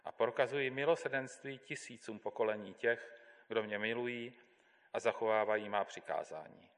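A man giving a measured, deliberate Bible reading as a scripture reader in a church. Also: medium pitch. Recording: long hall reverb.

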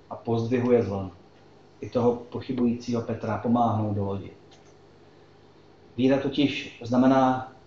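A man's voice: medium pitch, warm tone, slight background noise. A man preaching a sermon in a conversational way, asking the congregation questions. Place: church hall. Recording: echoey hall, slightly dull sound.

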